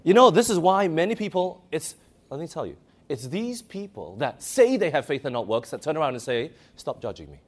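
A man's voice: fairly high pitch, very animated, fairly quick. A man preaching a sermon, emphatic, asking the audience questions and reading scripture aloud.

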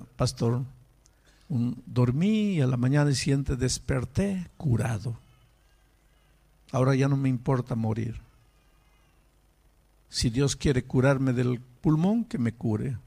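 A man's voice: medium pitch, creaky, mellow, slightly rough. A male pastor preaching a sermon, telling a story and rising to impassioned emphasis.

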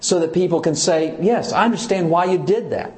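A church leader teaches in sermon style, lively and emphatic, asking his listeners questions and pressing his points hard. His high-pitched voice is brisk, and the room is echoey.

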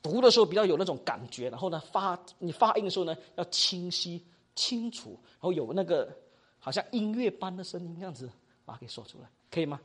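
一位马来西亚口音的男讲道老师在课堂上授课，说话生动随意，句尾常带"哈"。. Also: male voice, high voice, fast talker, husky. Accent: Malaysian Mandarin. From Malaysia. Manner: animated, chatty, ends phrases with 哈. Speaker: preaching instructor. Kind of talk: classroom teaching.

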